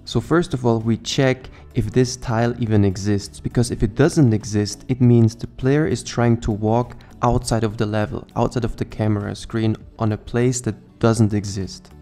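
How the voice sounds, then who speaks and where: A man narrating a programming screencast, explaining code step by step in a calm, methodical way. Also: mid-range voice.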